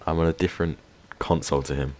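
A man with a very low, deep voice chats with his viewers while he plays. He keeps his voice down, bantering and swearing casually. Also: fairly even intonation, fast. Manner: laid-back banter, heavy swearing; keeps voice down, hushed. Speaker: gaming streamer. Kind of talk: casual live-stream commentary.

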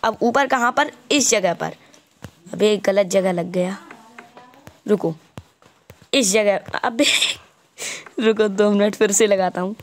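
A man giving casual gameplay commentary, chatty and walking the viewer through each step, stopping to fix his own mistakes out loud. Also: high voice, slow, pauses often. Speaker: gaming channel host.

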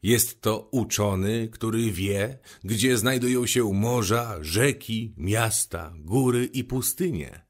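Guy putting on a slow, self-important old scholar, lecturing, storybook. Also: lowish voice. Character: pompous old male scholar geographer.

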